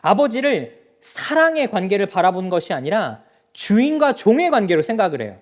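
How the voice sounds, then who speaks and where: A man's voice: high-pitched, very animated, moderate pace. A male pastor preaching a sermon in a church, speaking straight to the congregation with rhetorical questions. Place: church sanctuary.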